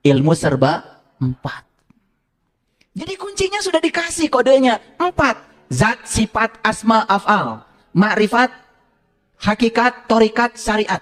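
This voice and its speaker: A man preaching a sermon to an audience, teasing his listeners with joking asides and leaping up in pitch when he quotes scripture. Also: a little slow, pauses often. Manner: animated, jumping high in pitch for quotes. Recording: hall reverb.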